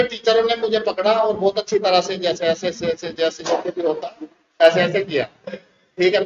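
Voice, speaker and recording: A high-pitched Indian male teacher spins a school anecdote for his students, warmly animated. The sound is dull and lo-fi, with a faint hiss underneath. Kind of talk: classroom storytelling. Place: classroom.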